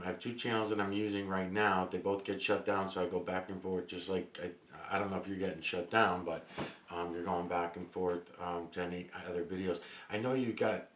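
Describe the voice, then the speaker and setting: A low-voiced man rambling to camera in a loose, meandering monologue. He stops and restarts often, full of fillers, and swears bluntly. His voice rings in a roomy, echoey space. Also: level tone, normal speed, a bit bright. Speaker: vlogger. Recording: roomy echo.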